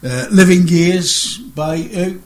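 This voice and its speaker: A man's voice: high-pitched, animated, slow pace. A middle-aged man hosting a casual radio chat show, rambling and joking and laughing often.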